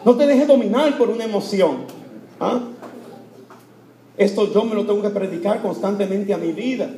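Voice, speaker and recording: A man preaching an emotional sermon in a church, repetitive and full of fillers, swinging from loud fervent cries to hushed tones. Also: high-pitched, normal speed, slight background noise. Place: church before Mass. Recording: echoey church room.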